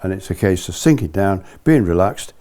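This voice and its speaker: Mellow, low-voiced British male ski instructor. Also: lively intonation, moderate pace. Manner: chatty, explanatory, checks with listeners. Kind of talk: informal spoken lesson with demonstrations.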